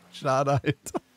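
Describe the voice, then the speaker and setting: Lively young man trash-talking over a game. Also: fairly high pitch. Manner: crude trash talk, frequent laughter. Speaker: gamer. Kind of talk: casual gaming chat with friends.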